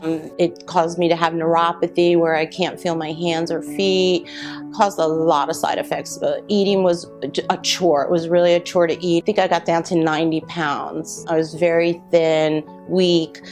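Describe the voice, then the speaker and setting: A middle-aged woman telling her own cancer survival story, reflective and halting with many pauses. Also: fairly low pitch, flat delivery. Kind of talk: personal testimony. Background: soft guitar music.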